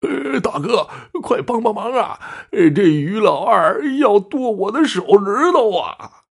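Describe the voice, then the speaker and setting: Guy doing a sniveling coward gambler, high whiny pleading, a bit husky. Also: big pitch swings, unhurried, full character voice. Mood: whining pleading. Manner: whining, pleading. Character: cowardly whining gambler, grown man.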